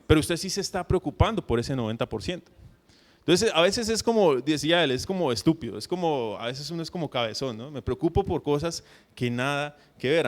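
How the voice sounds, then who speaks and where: A man preaching a sermon as a pastor, talking conversationally and constantly checking in with his listeners. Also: on the high side. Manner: acts out mock prayers in a put-on voice.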